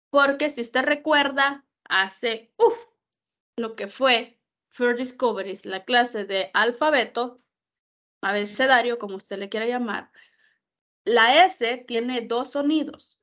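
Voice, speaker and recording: A woman tutoring English online, explaining articles slowly and asking herself questions, a Spanish speaker. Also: a little high, a bit bright. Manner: slow, explanatory, asks and answers her own questions. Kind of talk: online English grammar lesson.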